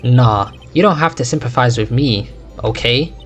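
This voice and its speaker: A man's voice: medium pitch, moderate pace, soft background music, lightly acted. A man voicing a lovesick young man in a courtroom game, whiny and melodramatic, in a put-on accent. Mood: mopey.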